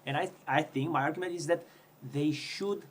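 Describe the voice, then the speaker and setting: A man's voice: fairly high pitch, moderate pace, a bit bright. A man hosting a conversation, pushing back earnestly on his guest's claims. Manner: earnest, pushes back, some restarts. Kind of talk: conversational debate.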